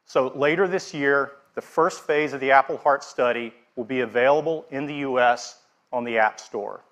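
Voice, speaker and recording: A middle-aged man giving a keynote on a large theater stage. His delivery is steady and scripted, through a headset mic, with a mid-pitched voice. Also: normal speed. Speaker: product presenter. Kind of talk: keynote presentation.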